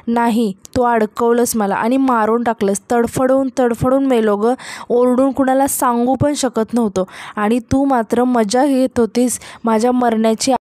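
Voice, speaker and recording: Woman reading a menacing young male ghost, accusing and vengeful, fairly high and dry, storybook recap. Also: warm tone, no room sound, natural voice.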